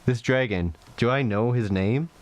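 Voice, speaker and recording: Man, tabletop player, hesitant, casual, mid pitch. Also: moderate pace. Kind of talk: casual game talk.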